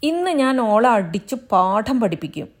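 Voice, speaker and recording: Woman doing a grumbly village husband, all bluster, big soft heart underneath. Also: a little high, sing-song, measured pace, pitched above the performer's own voice. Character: gruff rural husband, blustering but tender man.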